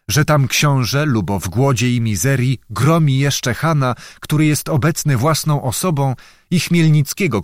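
A man narrating an audiobook in a measured, dramatic storytelling manner. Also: medium pitch, no echo, clean studio sound. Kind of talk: scripted narration.

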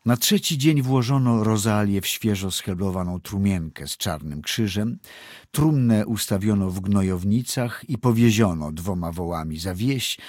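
Low husky male storyteller. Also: darkish tone, dry recording, studio quality. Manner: measured, sober storytelling. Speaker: narrator. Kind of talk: scripted narration of a classic story.

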